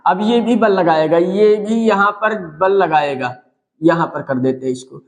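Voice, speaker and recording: Man, physics teacher, high voice, repetitive, checks in often, echoey room. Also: a little slow. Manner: repetitive, checks in often with "theek hai" and "bhaiya". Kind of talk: classroom lecture explaining at a board.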